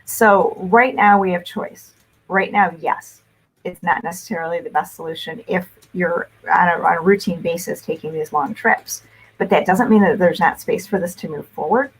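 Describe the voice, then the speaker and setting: A woman's voice: on the low side, normal speed, breathy edge, rough recording. A woman speaking as a forecaster on a panel over a video call whose audio breaks up, thinking aloud with frequent restarts. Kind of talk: casual panel discussion. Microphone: video call from home setup.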